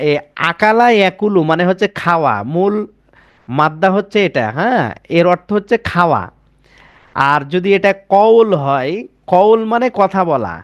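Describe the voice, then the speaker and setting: A man with a high voice teaches an Arabic pronunciation class. He goes slowly, repeats each word and keeps asking if his students follow. The sound is close and dry, with no room echo. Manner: explains slowly, repeats words, checks with students.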